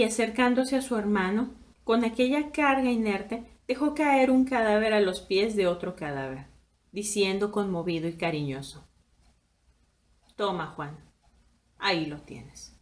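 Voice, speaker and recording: A woman narrating a story aloud in a dramatic, expressive reading that swings between hushed and loud passages. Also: mid-range voice.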